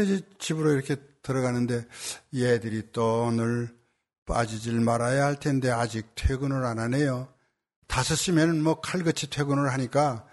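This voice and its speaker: A man preaching as a pastor, telling a story and acting out the dialogue, his voice rising when he exhorts. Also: darkish tone. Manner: rises in pitch and intensity when exhorting. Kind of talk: sermon.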